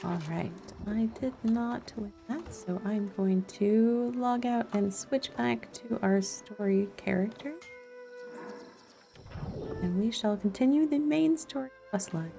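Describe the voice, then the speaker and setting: A woman streamer offers casual let's-play commentary, thinking aloud and muttering to herself as she games. Her voice is a little high, gravelly and warm, and she takes her time. Chill music and game sounds fill the background.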